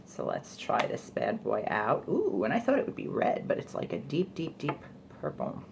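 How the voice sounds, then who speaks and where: A woman's voice: very deep voice, wildly swooping pitch, moderate pace, creaky, a little mellow, slight background noise. A young woman chatting casually through a product review, rambling with fillers like "like" and "you know". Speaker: beauty vlogger.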